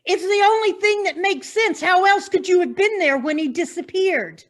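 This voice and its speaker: A woman with an extremely high voice performs in a stage farce as a bold, nosy newspaper reporter. Her delivery is melodramatic and deliberate, carrying the mood of a dramatic revelation.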